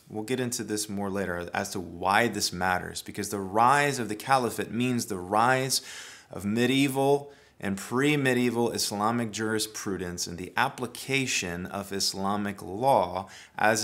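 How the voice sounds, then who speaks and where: American guy teaching, low-ish voice, earnest and emphatic, keeps restarting lines. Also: fairly bright tone. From United States. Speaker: Bible teacher. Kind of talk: spoken teaching monologue.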